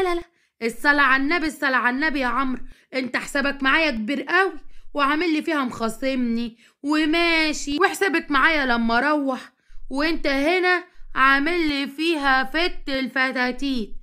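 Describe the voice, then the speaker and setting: Brief: a woman playing a jealous Egyptian housewife, sarcastic, higher voice, quick scolding delivery. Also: fairly bright tone. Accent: Egyptian Arabic. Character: sharp-tongued jealous young wife.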